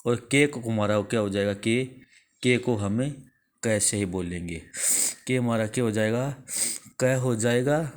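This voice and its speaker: In a deliberate, repetitive alphabet lesson, a mid-range-voiced man with an Indian accent questions his audience and responds himself. He always repeats the answer after giving it.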